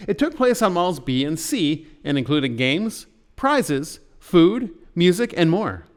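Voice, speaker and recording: A man's voice: a little high, big pitch swings, slow. A man reading scripted news narration as a reporter for a local update.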